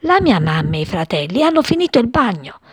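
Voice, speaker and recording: A woman's voice: mid-range voice, big pitch swings, brisk, breathy edge, no echo, clean studio sound. A woman voicing a curious, eager little male bird in a children's story. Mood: friendly.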